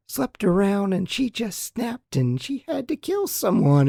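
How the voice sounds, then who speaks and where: A man co-hosting a movie podcast, talking through scenes in a relaxed, dry way. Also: a little high, creaky, no echo. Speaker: podcast co-host. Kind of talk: casual movie-talk chat.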